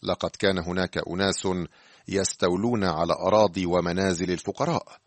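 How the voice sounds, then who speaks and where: A man giving scripted radio Bible teaching, speaking to the listener in a measured, earnest way. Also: deep voice, steady tone, no echo.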